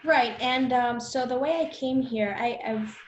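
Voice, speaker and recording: A young woman from Colombia speaks as a podcast guest, earnest and quick, her phrases strung together with fillers. The sound is roomy and somewhat dull, as if recorded in a bare room on a modest mic. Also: a little high, a little hiss or hum. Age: 20s. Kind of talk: casual interview chat.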